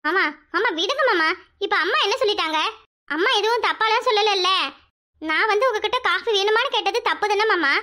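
A high-voiced performer playing a meek, polite young daughter-in-law who pleads gently. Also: animated, fairly quick, full character voice. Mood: pleading.

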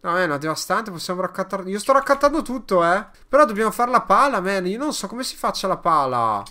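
Excitable man with a lively voice. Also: sits high, fairly quick. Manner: excitable, exclaiming and cursing. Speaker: gaming channel host. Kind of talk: casual gaming chat.

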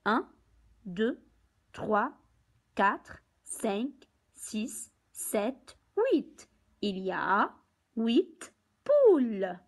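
Woman, teacher, very slow, sing-song pitch, repeats and counts for small children. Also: very animated, low-quality recording. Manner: slow, deliberate, repeats words and counts aloud. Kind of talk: slow picture-book lesson for young children.

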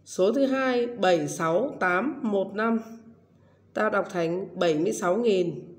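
Woman teacher, unhurried dictation pace, spells out digits, then reads the whole number. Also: medium pitch. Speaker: primary school math teacher. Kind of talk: slow dictation-style lesson.

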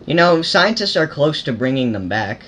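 A man hosting a gaming channel, giving casual commentary while playing, excitable and yelping in fights. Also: a little high, normal speed, a little hiss or hum. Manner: excitable, yelps during fights.

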